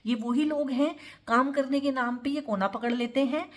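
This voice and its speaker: A woman's voice: sits high, normal speed. A woman tarot reader giving an earnest, advising monologue, mixing English words into her Hindi.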